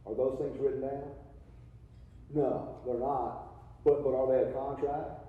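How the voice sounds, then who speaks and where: A man's voice: mid-range voice, fairly even intonation, unhurried. A man presenting an accounting seminar, talking informally with jokes, asides and many restarts. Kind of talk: live continuing-education lecture. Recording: echoey hall, distant mic, dull lo-fi.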